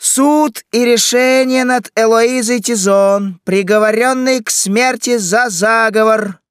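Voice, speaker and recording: A man reading an audiobook, voicing a hoarse street herald shouting out a verdict. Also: very high-pitched, takes it slowly, dry recording, studio quality, pitched above the performer's own voice, heavily acted. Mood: proclaiming. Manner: shouted proclamation from afar. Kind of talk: audiobook character voice.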